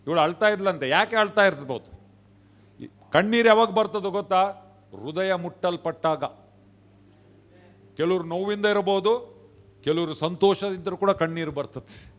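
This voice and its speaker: A male pastor with a Kannada accent, preaching a sermon in church with loud hallelujah shouts and quick asides. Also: sits high.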